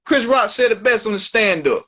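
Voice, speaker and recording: A man's voice: high-pitched, expressive, moderate pace, fairly bright tone, muffled recording. A man hosting a casual talk show, with loose, slangy talk that keeps repeating and restarting. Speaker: show host. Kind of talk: casual chat.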